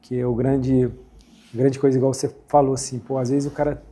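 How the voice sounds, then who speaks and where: Man, middle-aged, Brazilian accent, very dark tone, husky, reflective, quotes scripture. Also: medium pitch, flat delivery, a little fast. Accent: Brazilian Portuguese. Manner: reflective, quotes scripture, many "né" and "assim" fillers. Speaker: guest, former footballer and speaker. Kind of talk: casual faith conversation.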